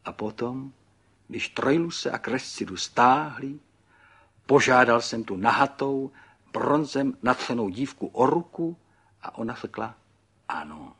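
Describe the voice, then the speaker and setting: A man's voice: medium pitch, breathy edge, pitched above the performer's own voice. A man reading an audiobook, voicing a small, cheerful older man who boasts proudly about his son and his own past. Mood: boastful. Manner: excited, boastful.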